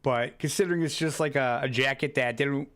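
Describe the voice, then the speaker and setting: A man's voice: medium pitch, brisk, a bit bright. A young man casually commenting on his own live gameplay, muttering asides as he plays. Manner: laid-back, muttering asides. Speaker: streamer.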